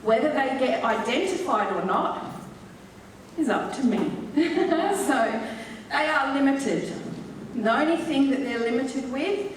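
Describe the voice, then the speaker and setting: A medium with an English accent works a festival hall crowd in a live stage demonstration, explaining with laughs in a chatty, joking manner. She speaks slowly in a high, expressive voice. Heard from a distance, the recording is roomy with a faint hiss in the big echoing space.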